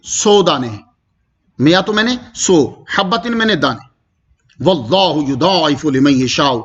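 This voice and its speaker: A man teaching a Quranic commentary lecture, reciting verses slowly and drawn out, then explaining them and asking his listeners questions. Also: high-pitched, fairly bright tone, muffled recording.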